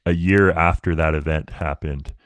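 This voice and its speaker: Deep voiced canadian guy, chill rambling storyteller, dry close sound. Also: fairly even intonation, normal speed, a bit bright, clean tone, dry recording. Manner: laid-back storyteller, many fillers. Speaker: podcast guest, Paralympic athlete. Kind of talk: casual interview chat.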